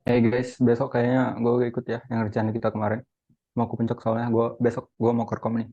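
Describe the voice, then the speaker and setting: A man's voice: mid-range voice, completely flat delivery, quick pace, dark tone, soft background music, natural voice. A young man playing an easygoing student, chatting casually in slang. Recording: tinny phone-like sound.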